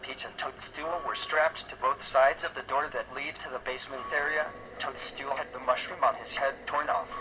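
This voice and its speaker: A man's voice: medium pitch, poor audio. A man's text-to-speech voice reading a scripted first-person story as a narrator. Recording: loud noise behind the voice.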